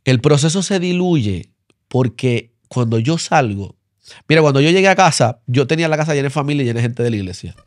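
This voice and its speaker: Earnest Puerto Rican pastor, dry close sound. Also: male voice, animated, fairly quick, no echo. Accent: Puerto Rican Spanish. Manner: earnest, repeats himself, voice drops low and soft when moved. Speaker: pastor, interview guest. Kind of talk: emotional storytelling interview.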